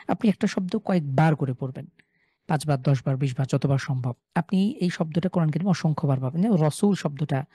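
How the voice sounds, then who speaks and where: A man's voice: fairly high pitch, mellow, no echo. Patient Bangladeshi man teaching recitation. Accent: Bangladeshi Bengali. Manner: patient, repeats and drills words slowly, asks the class "ঠিক আছে?". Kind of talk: live online tajweed class.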